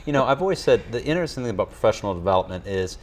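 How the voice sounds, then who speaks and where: A man's voice: on the low side, expressive, racing. A man who leads a school district, answering in an earnest studio interview with many fillers and restarts.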